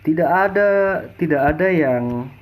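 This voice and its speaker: A man commentating an esports match in an excited game announcer style, repeating names and throwing out rhetorical questions. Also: on the high side, unhurried.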